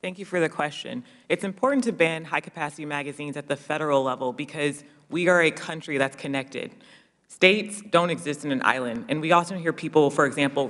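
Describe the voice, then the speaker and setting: Guy testifying as a witness, slightly high voice, measured and explanatory, echoey hall. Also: a bit bright. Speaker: expert witness. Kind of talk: prepared, formal testimony. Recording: reverberant sound.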